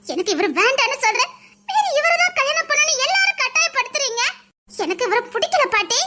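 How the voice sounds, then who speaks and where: A woman's voice: very high voice, big pitch swings, quick pace, background noise. A woman playing a young wife protesting and pleading with her grandmother, in a Tirunelveli Tamil accent.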